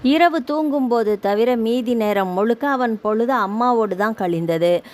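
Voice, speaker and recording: A woman reading a novel aloud as audiobook narrator in a steady storytelling delivery. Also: fairly high pitch, a little slow.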